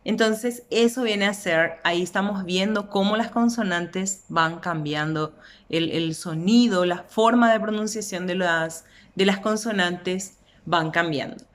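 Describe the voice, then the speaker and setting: Paraguayan woman teacher, unhurried and deliberate, spells out words for learners. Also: lowish voice. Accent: Paraguayan Spanish. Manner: slow, deliberate, stretches out example words. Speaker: language teacher. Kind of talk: explanatory lesson.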